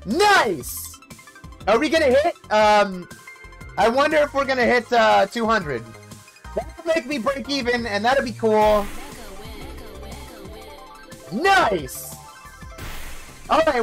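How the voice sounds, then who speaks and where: A man's voice: very high-pitched, fairly bright tone. A young man giving casual live commentary on slot play, talking in short remarks. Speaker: slot streamer. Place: indoor streaming setup.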